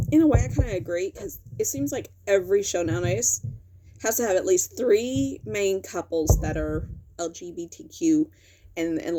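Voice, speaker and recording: A young woman hosts a casual talking-head commentary video, rambling, correcting herself and using plenty of fillers. Her voice is on the low side with a dark tone, and there's slight background noise.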